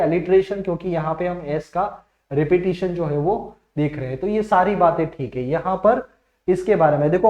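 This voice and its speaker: A man teaching an exam-prep lesson, explaining in Hindi and reading the English examples out slowly. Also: a little high, darkish tone. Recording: dull echoey room recording.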